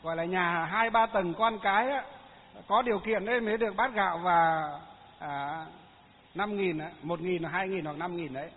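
A Buddhist monk gives a chatty Dharma talk, his voice pitched high for a man. The sound is thin and phone-like, carried in a hall with a long echo. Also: normal speed. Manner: folksy, chatty storytelling with frequent fillers.

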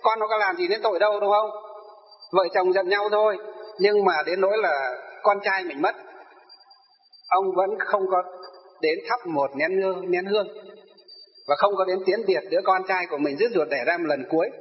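High-voiced man, emphatic testimony. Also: moderate pace, long pauses. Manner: emphatic storyteller, repeats key phrases. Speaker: spiritual master telling his life story. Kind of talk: personal testimony to an audience. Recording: long reverb, dull lo-fi sound.

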